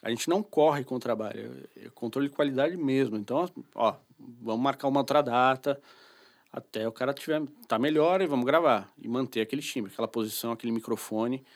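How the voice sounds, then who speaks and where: A man's voice: medium pitch, a little fast. São man explaining studio work. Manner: explanatory, colloquial. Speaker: audiobook studio director. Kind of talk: casual conversation.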